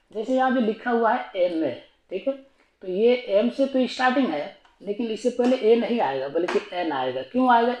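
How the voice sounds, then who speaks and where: A man's voice: high-pitched, darkish tone, echoey room, rough recording. A man teaching an online grammar lesson, explaining patiently and repetitively and asking himself rhetorical questions.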